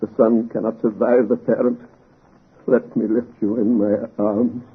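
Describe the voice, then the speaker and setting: A man's voice: lowish voice, little pitch movement, measured pace, slightly rough. A man playing a tender, embittered monster with solemn theatrical delivery in a 1930s radio drama. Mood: mournful, solemn. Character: sorrowful male monster, tender and embittered creation. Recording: muffled, phone-like old radio recording.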